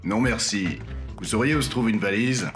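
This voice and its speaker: A man playing a deadpan, grumbling adventurer in a comic cartoon. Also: fairly low pitch, moderate pace, soft background music, lightly acted.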